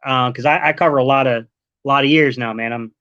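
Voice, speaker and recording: A man in his late thirties from Delaware, a guest in a casual sports podcast chat, relaxed and rambling, dropping "man" often. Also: mid-range voice, a little fast, dry recording. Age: 30s. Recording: dull lo-fi online call audio.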